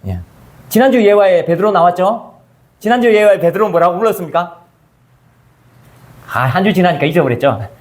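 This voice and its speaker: A man's voice: high voice, a little fast, long pauses. A man pastor preaching a conversational sermon, firing rhetorical questions at the congregation and acting out quoted dialogue in changing voices.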